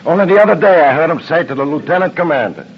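An actor playing a sarcastic, bossy ship's cook in an old radio navy drama. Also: male voice, a little high, animated, quick pace. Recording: muffled old radio recording, faint noise.

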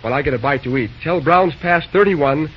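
An actor playing a busy young railroad dispatcher in an old-time radio drama, talking briskly in folksy slang. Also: male voice, on the high side, breathy edge. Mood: businesslike. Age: young adult. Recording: dull, noisy old radio recording.

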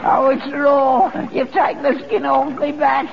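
A dull, noisy vintage broadcast recording of a cantankerous old London father in a sitcom. His Cockney voice is high-pitched and creaky. He whines and bickers, querulous and stubborn. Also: expressive, normal speed. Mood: pained, wailing. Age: older. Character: grubby, cantankerous, whining old working-class London father. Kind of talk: British sitcom acting.

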